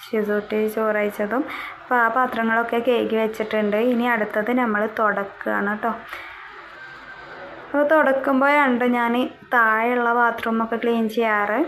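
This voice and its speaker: A young woman talks through her daily chores in a relaxed, chatty voice-over, her voice sitting a little high. She keeps tagging a small word onto the end of her sentences. A faint household hum sits behind her. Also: moderate pace, rough recording. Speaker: vlogger.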